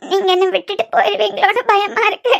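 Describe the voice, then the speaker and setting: A very high, girlish voice of an anxious young wife in a cartoon serial, her words pleading and tearful, as a woman acts her out. She speaks with a Kanyakumari Tamil accent. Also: fairly even intonation, fast talker, gravelly. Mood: fearful, pleading. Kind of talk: cartoon web series voice acting.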